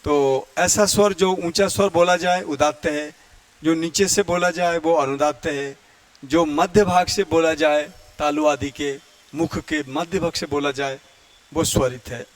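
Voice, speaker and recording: Male Hindi grammar teacher, high and unhurried, dry close sound, clears his throat often, chants vowels as examples. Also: fairly even intonation, no room sound. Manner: explains slowly, chants vowels and Sanskrit verse to demonstrate. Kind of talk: classroom lecture.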